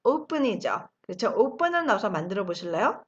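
A woman teaching an online English class for older learners, drawing out each model sentence slowly and praising often. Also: mid-range voice, sing-song, muffled recording. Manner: slow, drawn-out model sentences, encouraging praise. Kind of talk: online English lesson for seniors.

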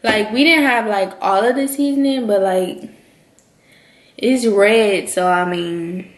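A woman's voice: mid-range voice, slow. A young woman chatting casually to her viewers while eating, sassy and full of "like" and "y'all". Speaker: vlogger. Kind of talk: casual chat mukbang. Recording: echoey room.

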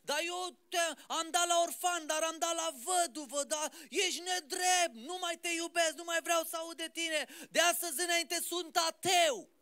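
Brief: bitter grieving man yelling at God, voiced by a preacher, high and sharp. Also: steady tone, hardly any pauses, no room sound, faint music behind. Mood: furious. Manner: shouting, accusing.

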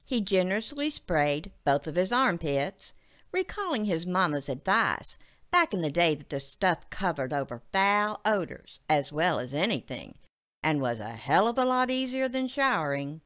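A woman narrating a literary short story in a measured, expressive way. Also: fairly low pitch. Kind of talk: audiobook narration.

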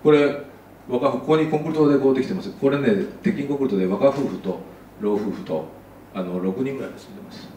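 A man's voice: mid-range voice, fast talker, warm tone, reverberant, recorded from a distance, slight background noise, rough recording. A man giving a casual slide lecture as an architect, chatty, with many asides.

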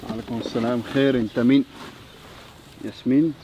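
An actor playing an irritable, flustered suitor, speaking with an Egyptian accent. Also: male voice, mid-range voice, fairly even intonation, fast talker, lo-fi sound, background noise, natural voice. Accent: Egyptian Arabic. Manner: gruff, then flustered. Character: irritable suitor pushed into marriage.

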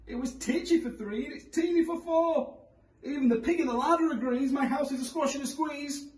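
A man voicing a fretful little old woman who wails and pleads in a shrill voice. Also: brisk. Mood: pleading. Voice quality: shrill, wailing. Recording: roomy, from a distance.

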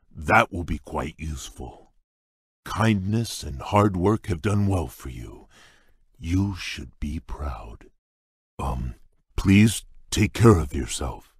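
A man voicing a large, gentle, shy male beast prince in a video game, speaking in a gentle, halting and formal way with a very deep, husky voice. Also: no echo, studio quality, heavily acted. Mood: nervous.

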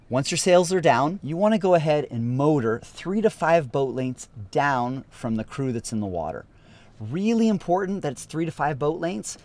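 A man's voice: fairly high pitch, a little mellow. A man in his thirties, a sailing instructor, giving an upbeat and practical lesson on a sailboat outdoors. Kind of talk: casual instructional talk.

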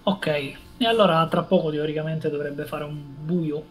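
A man playing a tabletop role-playing game, speaking casually and deliberately in character. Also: a little high, steady tone. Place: indoor room, online group stream.

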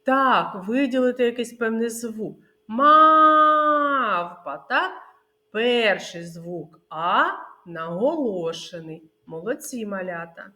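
Lively, bright-voiced woman teacher. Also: medium pitch, slow. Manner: praising, questioning the children, singing out syllables. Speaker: kindergarten teacher. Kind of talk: literacy lesson for small children.

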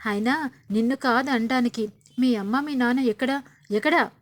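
An enraged young sister-in-law, loud, sarcastic and accusing, as a woman narrator puts her on. The pitch runs a little high, with only light acting over the reader's own voice. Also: moderate pace, lightly acted. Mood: furious. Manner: shouting, sarcastic.

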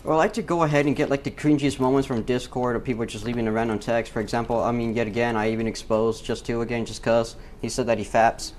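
Guy gamer rambling over gameplay, swearing, full of fillers, mid-pitched voice, faint background noise. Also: level tone, quick pace, hardly any pauses, a little mellow. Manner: rambling, profane, many fillers. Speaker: gaming YouTuber. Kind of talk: casual commentary over gameplay.

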